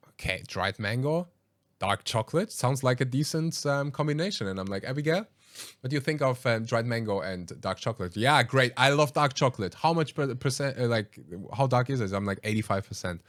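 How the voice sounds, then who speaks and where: A man hosting a podcast, telling a story in a casual, animated way, acting out quoted lines and hesitating with ums and restarts. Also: mid-range voice, no room sound, clean studio sound. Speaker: podcast host.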